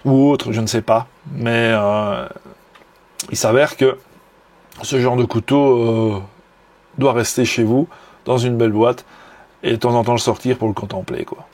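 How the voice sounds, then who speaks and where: A Belgian man with a Belgian French accent shows off a knife in a casual video review, hesitant and full of fillers and restarts but enthusiastic in his admiration. His medium-pitched, slightly mellow voice keeps a steady tone, moving a little slowly with long pauses.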